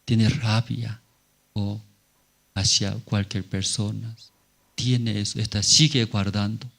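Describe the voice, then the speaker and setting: A man's voice: lowish voice, little pitch movement, slow, creaky, fairly bright tone. A male pastor preaching a sermon in short, simple phrases with frequent rhetorical questions to the congregation.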